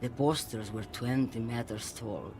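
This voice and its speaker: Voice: medium pitch, unhurried, music in the background, lightly acted. An actor playing a nostalgic, defiant old woman truck driver in a video game, wistful and insistent. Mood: dreamy, defiant. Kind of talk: video game character acting.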